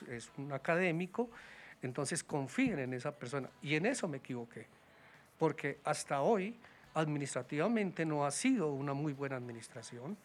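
A man's voice: fairly high pitch, a little hiss or hum. Hesitant man talking politics. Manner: hesitant, many restarts and fillers, critical. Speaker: political guest. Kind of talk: casual political talk.

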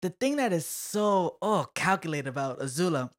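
A woman's voice: fairly low pitch, big pitch swings, moderate pace. A young woman co-hosting a casual podcast, chattily recapping scenes and playfully quoting the characters. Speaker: podcast co-host. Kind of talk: casual chat.

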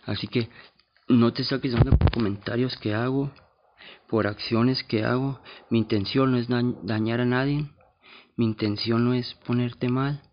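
A man's voice: mid-range voice, fairly even intonation, normal speed, dull audio. A man hosting a podcast in a blunt, slangy, confessional monologue. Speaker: podcast host. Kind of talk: casual monologue.

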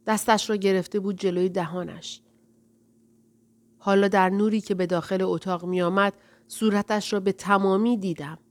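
Quiet woman narrating a story. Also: mid-range voice, fairly even intonation. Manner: quiet, reflective storytelling in the first person. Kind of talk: audiobook narration.

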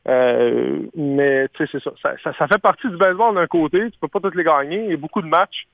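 A man with a Québécois accent, a baseball analyst guest talking casually, halting with many fillers and restarts, heard over the phone. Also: on the high side, creaky, no room sound. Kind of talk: casual phone-in radio chat. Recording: tinny phone line.

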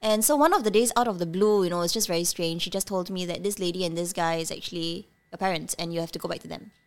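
A woman in her thirties whose first language is Cantonese talks fast in a fairly low voice as a podcast guest, candidly recounting her childhood. Her telling of her life story is animated and full of fillers.

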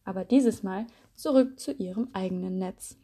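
A woman reading a children's story aloud in a gentle, calm storytelling manner. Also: mid-range voice, normal speed, a little hiss or hum.

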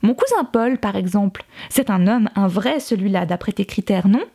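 A woman's voice: mid-range voice, animated, normal speed, vocal fry, warm tone. A woman voicing a guarded young wife of about twenty who answers back with bitterness. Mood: challenging. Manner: guarded, then bitter and defiant.

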